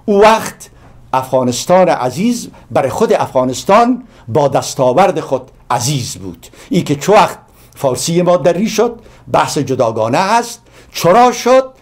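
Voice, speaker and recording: A man's voice: a little high, sing-song. A middle-aged man from Afghanistan with an Afghan Dari accent, giving an impassioned speech and building his points through long lists of repeated phrases. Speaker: guest speaker on a community TV program.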